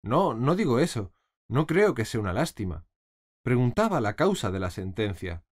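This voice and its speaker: A man's voice: mid-range voice, big pitch swings, moderate pace. A man voicing a polite but firm young girl in a storybook. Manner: well-mannered, firm.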